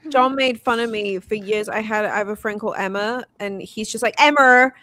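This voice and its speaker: A woman's voice: mid-range voice, steady tone, brisk, crowd noise. An English woman co-hosting a podcast, chatting casually, laughing and playfully mimicking how others talk. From England. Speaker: podcast co-host. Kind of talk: casual chat.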